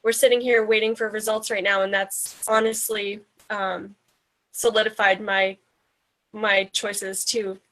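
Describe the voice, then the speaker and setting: Congested woman, bright anxious voice. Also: medium pitch, little pitch movement, a little slow, rough recording. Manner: anxious, soft-spoken. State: congested, sore throat. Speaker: parent panelist. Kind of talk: casual discussion.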